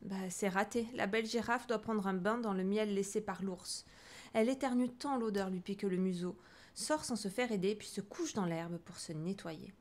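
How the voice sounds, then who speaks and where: A woman reads a children's picture book aloud at a middle pitch. She tells it with lively shifts and slips into soft, whispered asides. It is a warm read-aloud style made for young listeners. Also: normal speed. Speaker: storybook reader.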